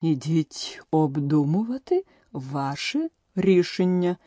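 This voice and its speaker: Woman doing a slow pompous old king. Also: lowish voice, big pitch swings, dark tone, no room sound, clean studio sound, full character voice. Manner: slow and ponderous. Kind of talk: audiobook character voice.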